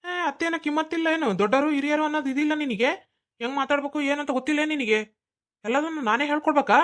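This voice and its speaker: Woman doing an exasperated village husband, North Karnataka Kannada accent, high pitched, fast talking, pleading, cartoon comedy. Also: lightly acted. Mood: scolding. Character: village husband caught between wife and mother, exasperated.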